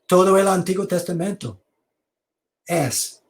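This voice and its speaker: A seminary lecturer with a high-sitting voice gives an online theology lecture over a video call. He speaks slowly, repeats words and invites questions.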